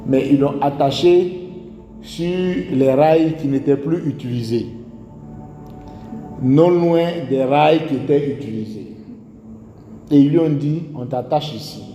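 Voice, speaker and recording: A man's voice: on the high side, slow pace, pauses often, warm tone, muffled recording. A man with an Ivorian French accent preaching a sermon, telling stories and asking rhetorical questions. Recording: echoey hall with faint music.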